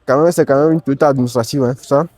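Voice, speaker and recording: A man's voice: medium pitch, steady tone, fast, a little mellow, no room sound. A man giving casual, rambling commentary while walking around an outdoor used car auction lot, filming on a handheld phone. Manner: chatty and rambling, sprinkled with tags and asides.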